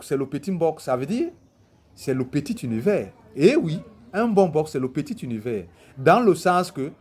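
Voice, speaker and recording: A man's voice: a little high, mellow. A man explaining a traditional concept, asking himself questions and answering them as he teaches. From Cameroon. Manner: deliberate, poses rhetorical questions and answers them.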